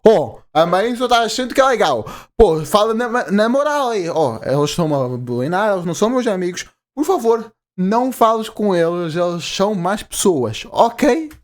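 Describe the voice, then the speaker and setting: Um homem comentando um vídeo de forma exaltada e indignada, xingando muito. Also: male voice, high-pitched, lively intonation, moderate pace, few pauses. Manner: swearing, heated, indignant. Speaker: video reactor. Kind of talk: reaction commentary.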